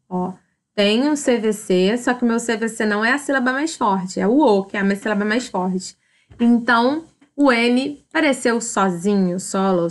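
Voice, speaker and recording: A woman, teaching a casual grammar review and often checking with her students. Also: fairly high pitch. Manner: casual, repeats "tá?" and "ó" to check understanding. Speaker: English teacher. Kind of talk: recorded classroom grammar review.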